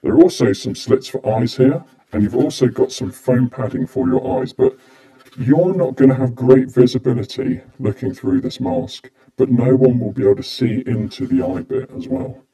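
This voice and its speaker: A man speaks from behind a face mask while showing off a gadget. His tone is warm and mellow, and he explains things plainly and matter-of-factly, like a casual product review. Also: medium pitch, big pitch swings, moderate pace, creaky, rough recording.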